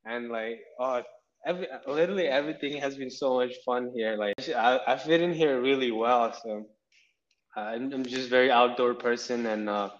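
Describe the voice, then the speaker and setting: A man of twenty-one from Nepal talks as a podcast guest in an easygoing, meandering way, circling back on himself. His voice sits at an ordinary male pitch. It reaches us over a muffled, lo-fi remote line. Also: normal speed. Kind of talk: casual interview chat.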